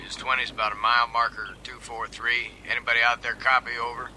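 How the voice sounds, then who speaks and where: A man's voice: medium pitch, little pitch movement, fast, poor audio. An actor playing a laid-back male trucker talking over a CB radio in trucker slang, heard in a film clip. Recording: film clip with loud road and engine noise. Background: truck engine and road noise.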